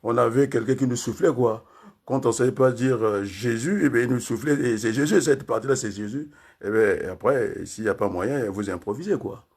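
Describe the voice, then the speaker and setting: A man's voice: mid-range voice, normal speed, darkish tone, husky. An older man from Congo giving a rambling political talk, often tagging his points with questions to the room. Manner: rambling, frequent tag questions and fillers. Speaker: political commentator.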